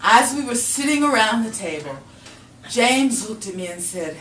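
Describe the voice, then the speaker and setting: A woman tells a comic story with a high, lively voice that leaps around her range. She laughs through her lines and gets shrill when she quotes herself. The sound is distant and roomy, with steady noise underneath. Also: moderate pace.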